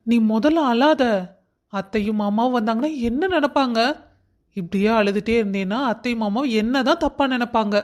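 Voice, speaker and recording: A woman's voice: on the high side, brisk, natural voice. A woman voicing a caring young cartoon husband. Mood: reassuring. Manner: warmly teasing, reassuring. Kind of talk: Tamil cartoon voice acting.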